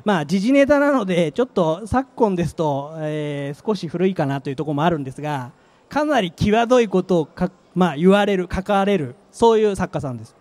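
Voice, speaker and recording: A brisk, animated and high-pitched man, a company manager, presents a product at a live trade-show presentation with slides. He stands on an exhibition venue's stage and uses a handheld microphone.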